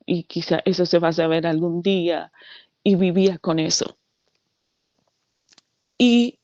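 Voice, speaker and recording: A woman giving an earnest personal faith testimony, halting and restarting often. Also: fairly low pitch, darkish tone, dry recording. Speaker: testimony speaker.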